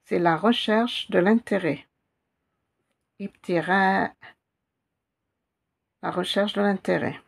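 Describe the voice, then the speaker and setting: A woman teaching an Arabic reading lesson in French, patiently repeating each syllable and word slowly for learners. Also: medium pitch, gravelly. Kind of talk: slow spelled-out reading lesson.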